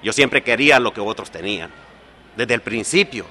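A man's voice: medium pitch, lively intonation, normal speed, bright, forceful tone, slight background noise. A man born in the United States giving an earnest, confessional personal testimony at a support meeting, often adding "¿verdad?". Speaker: recovery meeting speaker.

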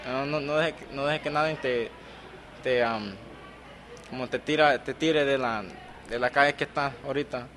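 A man giving halting words of encouragement at a support meeting, switching between English and Spanish with many hesitant fillers. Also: mid-range voice, steady tone, a bit bright.

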